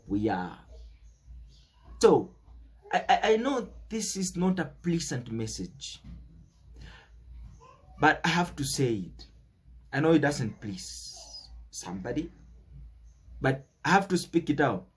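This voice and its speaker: This young political commentator speaks with a Kenyan accent in a husky voice on the high side. His unscripted monologue is emphatic and preachy, full of stressed words and repeated phrases.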